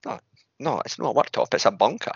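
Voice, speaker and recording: A man's voice: medium pitch, sing-song, fast talker, gravelly, husky, no echo, highs cut off. A man with a Scottish accent hosting a podcast in casual, rambling, jokey chat. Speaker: podcast host.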